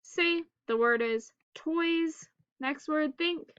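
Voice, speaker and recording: A woman teacher leading a phonics drill for children in staccato, clipped single words with pauses between them. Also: high voice, fairly bright tone, no room sound, highs cut off.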